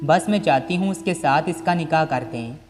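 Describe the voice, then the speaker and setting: A man voicing a harsh, scheming aunt in a storybook reading, with a shrill, domineering manner. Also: normal speed, lightly acted. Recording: long reverb with background music.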